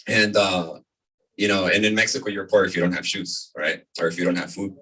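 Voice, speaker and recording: An energetic man in his thirties, from the California desert, presents a business opportunity to a live audience. He keeps repeating figures and checking in with "right?". His voice is bright and slightly husky, picked up from across the room. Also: low-pitched, fairly quick. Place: meeting room before an audience. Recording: voice from far off in a room.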